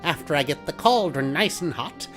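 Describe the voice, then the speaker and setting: A man voicing a wicked old witch with a high, squeaky, sing-song voice. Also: expressive, normal speed, a bit bright, soft background music. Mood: sly menace.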